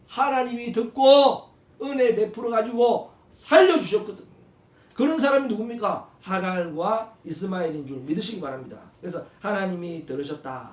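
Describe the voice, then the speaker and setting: A male pastor preaching a sermon, constantly asking the congregation rhetorical questions and swinging between soft asides and loud, emphatic exhortation. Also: high-pitched. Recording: echoey hall, voice from far off.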